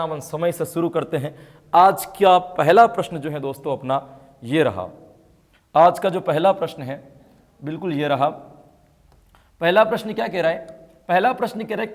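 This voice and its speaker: A man from India leads an online test-prep lecture in a fairly high voice. He keeps asking the class questions and answering them, and his voice swells whenever he hits a key point. The room adds a long, lingering reverb. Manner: explains by asking and answering his own questions, with frequent tag questions; grows louder and more emphatic when stressing key points. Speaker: exam-prep teacher.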